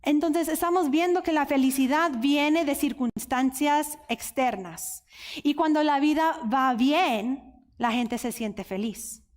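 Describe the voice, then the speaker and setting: A woman's voice: high-pitched, takes it slowly. A woman teaching the Bible at a women's conference, earnest and openly emotional, speaking straight to her listeners. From United States. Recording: reverberant hall.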